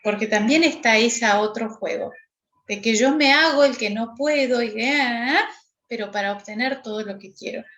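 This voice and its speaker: A woman's voice: on the high side, fairly bright tone, echoey room, muffled recording. A middle-aged woman with a Rioplatense Spanish accent teaching a workshop class, explaining step by step and checking in with "¿sí?" again and again. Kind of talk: online class lecture.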